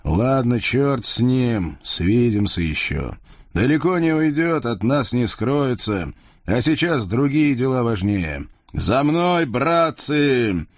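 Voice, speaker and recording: A stern, bold Cossack chieftain, as a man puts him on for a storybook reading, giving firm rallying commands. His voice is husky and a little raised, recorded dry and close. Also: mid-range voice, very animated, slow, no echo, pitched above the performer's own voice. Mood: commanding.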